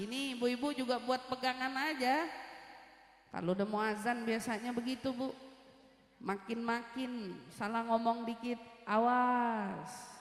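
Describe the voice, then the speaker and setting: A woman preacher giving a sermon to a women's study group, telling a story in a lively way and often asking her listeners questions. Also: a little high. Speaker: Islamic preacher. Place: mosque study gathering hall. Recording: echoey, reverberant hall.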